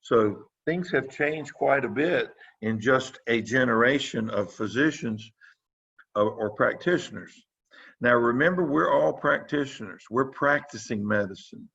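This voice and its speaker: A physician from South Carolina gives students an informal lecture, rambling with lots of fillers and restarts. His mid-range voice is husky and fairly bright, with vocal fry and a measured pace. The online lecture audio sounds muffled and dull.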